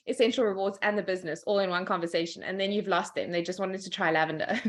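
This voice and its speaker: Chatty, upbeat woman presenting over a video call; middle pitch, laughs between points. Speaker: guest speaker, sales team leader.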